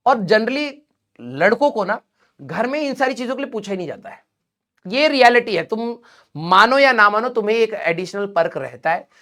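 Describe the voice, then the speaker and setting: A man's voice: high voice, animated, moderate pace, sharp tone. Chatty male teacher telling a story. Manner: chatty, fillers like "ठीक है" and "भाई साहब"; laughs while telling. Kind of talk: casual storytelling to students.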